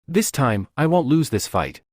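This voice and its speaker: A man's voice: mid-range voice, sing-song, measured pace, darkish tone, dry recording, clean studio sound. A man voicing a young male martial hero who makes determined, boastful declarations. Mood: defiant.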